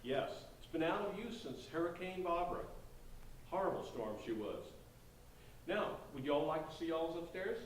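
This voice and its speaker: Playing a courteous Southern agent selling an old inn on a folksy tour, a man performs in a staged reading. The pitch is fairly high with lively intonation at a moderate pace, near his everyday voice. Sound comes from a distant mic in an echoey hall with faint noise.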